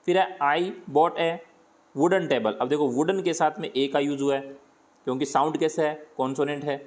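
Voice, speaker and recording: Teacher voice: man with a Hindi accent, slightly high-pitched, patient step-by-step grammar explanation. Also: fairly even intonation, normal speed. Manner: explains step by step, asks and answers his own questions. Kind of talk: grammar lesson.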